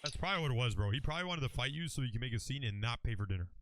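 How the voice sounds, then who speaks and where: A man's voice: medium pitch, animated, fairly bright tone, a little hiss or hum. A man with a Southern Californian accent riffing jokes in casual, profane podcast chat, saying "bro" often. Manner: fast, joking, profane, says "bro" a lot. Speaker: podcast co-host. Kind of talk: casual chat, joking riffs.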